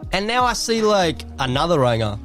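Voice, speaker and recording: A young Australian man with an Australian accent, a comedian guest chatting casually in a loose, profane way and pausing often to hunt for words. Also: sits high, big pitch swings, fairly bright tone, soft background music. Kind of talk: casual chat.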